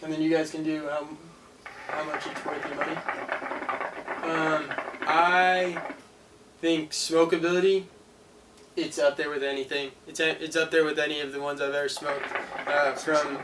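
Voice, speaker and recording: A man's voice: a little high, level tone, a little slow, pauses often. A man giving an informal product review as host, chatting casually in a rambling, explanatory way. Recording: distant mic, clearly noisy background.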